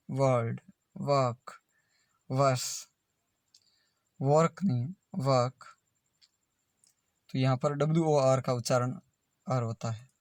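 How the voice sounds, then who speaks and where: A man's voice: medium pitch, no echo, studio quality. A man teaching English pronunciation in a video lesson, spelling words out letter by letter and repeating them.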